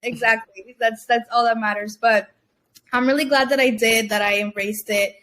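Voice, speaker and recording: Speaking at a moderate pace with a fairly bright, steady, higher-pitched voice, this young adult woman from Cuba chats casually as an entrepreneur guest in an interview. Her talk is full of fillers, restarts, and frequent laughter.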